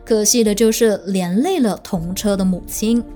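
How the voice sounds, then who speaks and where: A woman's voice: mid-range voice, moderate pace, warm tone, faint music behind. A woman hosting a true crime show, narrating in a suspenseful, conversational storytelling way and speaking directly to listeners.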